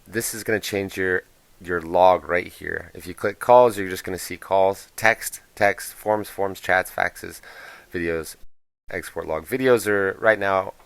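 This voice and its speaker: A low-pitched man gives a casual software walkthrough, explaining things plainly and off the cuff. There's no echo on the recording.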